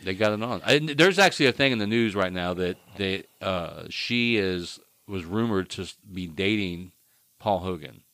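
A man in crude, rambling casual banter, telling deadpan tall tales and swearing freely. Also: sits low, normal speed, dry recording.

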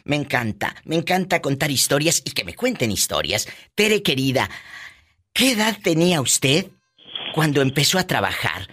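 A radio host with a Mexican Spanish accent, chatting with callers in a theatrical, flamboyant way. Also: male voice, a little high, very animated, moderate pace, fairly bright tone. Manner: theatrical, flamboyant, preachy asides. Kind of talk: radio call-in chat.

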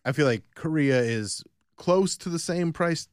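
A man's voice: on the high side, animated, unhurried, clear, resonant tone, no echo, studio quality. Laid-back man hosting a podcast. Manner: laid-back, agreeable, lots of yeahs. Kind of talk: casual podcast chat.

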